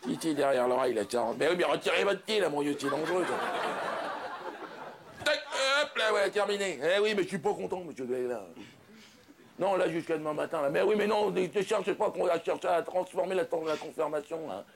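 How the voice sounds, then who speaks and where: A comedian playing a blunt, exasperated doctor on a night call, chatting fast with laughing asides in a stand-up sketch. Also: male voice, a little high, creaky, crowd noise.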